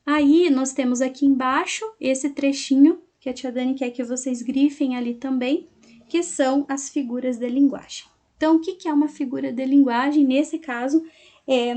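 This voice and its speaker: A woman teacher explaining a lesson to her class slowly, syllable by syllable, and checking in often with her students. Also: high voice, steady tone, warm tone.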